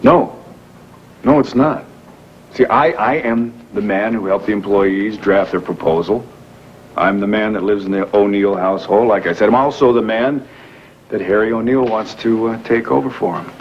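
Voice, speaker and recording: An actor playing a wealthy young man who has posed as a factory worker, explaining himself earnestly with halting fillers, in 1980s daytime soap acting heard from a worn VHS tape copy. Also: lowish voice. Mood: confessing. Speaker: businessman explaining a masquerade. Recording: muffled hissy worn videotape of a TV broadcast.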